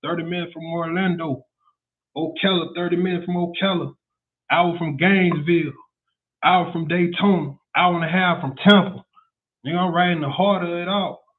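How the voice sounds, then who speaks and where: A man's voice: high voice, fairly even intonation, moderate pace. A blunt man from Central Florida with a Southern accent, hosting a casual podcast monologue and often saying "you know what I'm saying". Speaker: podcast host. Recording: tinny phone-like sound.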